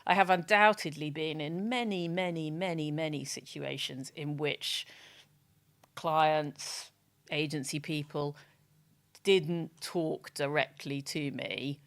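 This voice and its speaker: A woman appears as a brand strategy guest on a podcast, speaking frankly and emphatically in a loud yet low voice with fairly even intonation. She takes things slowly and often restarts her sentences during the candid interview.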